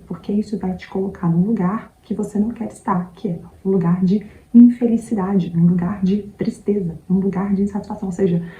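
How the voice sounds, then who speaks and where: A woman's voice: fairly low pitch, warm tone, roomy sound, low-quality recording. A woman host giving a conversational motivational talk, often checking in with the listener. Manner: conversational, repeats "entende?" to the listener. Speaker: self-help video host.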